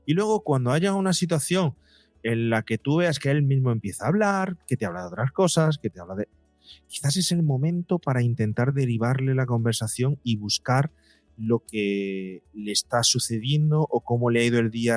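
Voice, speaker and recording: A psychologist and podcaster appears as an interview guest, his medium-pitched voice captured in a dry recording. He explains things didactically yet conversationally, posing rhetorical questions.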